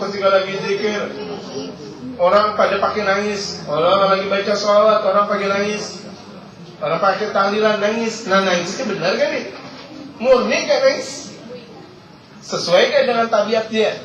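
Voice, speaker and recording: Preaching in a spacious hall, this man has a high, fairly bright voice and delivers a religious lecture. He reads out Arabic text, explains it in everyday language and repeats key phrases to stress them. The sound is lo-fi, dull and distant with a roomy echo and slight hiss or hum.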